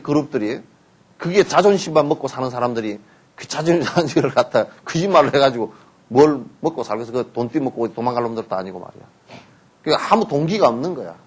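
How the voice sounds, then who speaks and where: Speaking in a husky, mid-range voice, a Buddhist teacher delivers a dharma talk through lively storytelling. He voices parents and children in quotes and regularly seeks his listeners' assent.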